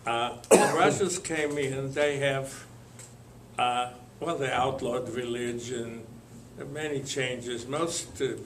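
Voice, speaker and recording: An older man from Lithuania, telling his life story to an audience in a slow, halting way with many pauses and fillers. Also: mid-range voice, fairly even intonation, a bit bright, reverberant, slight background noise. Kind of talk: spoken testimony to an audience.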